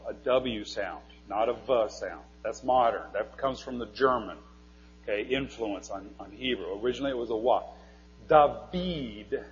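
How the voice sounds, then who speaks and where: A man giving a live classroom lecture, quizzing his audience in a friendly, teacherly way. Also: mid-range voice. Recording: dull recording in a long-reverb hall.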